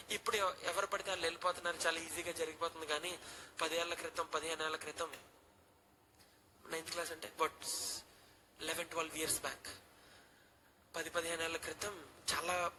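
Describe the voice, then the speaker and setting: A man's voice: fairly high pitch, background noise. A young man in his twenties, a pastor, earnestly telling a personal testimony and slipping English phrases into his speech.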